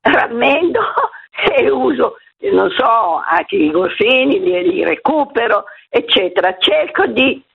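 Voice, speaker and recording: A woman calling in to a radio show over a poor mobile phone line, talking haltingly with many fillers. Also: on the high side, expressive, creaky. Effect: heard over a poor mobile phone line, not on speakerphone. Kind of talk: phone-in chat.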